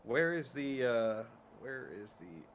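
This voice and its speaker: A man's voice: medium pitch, very animated, slow, a little hiss or hum. A man playing his character in a tabletop game, talking in a hesitant, musing way and often restarting. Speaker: player. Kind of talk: in-character tabletop role-play.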